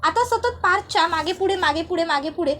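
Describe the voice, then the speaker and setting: A woman's voice: extremely high pitch, expressive, a little fast, a bit bright. A woman voicing a jealous, scheming young woman rival, in a defiant, taunting manner.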